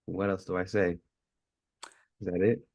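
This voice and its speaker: Low, slow, hesitant man. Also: level tone, darkish tone, no room sound. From New Jersey. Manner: hesitant, brief, unsure.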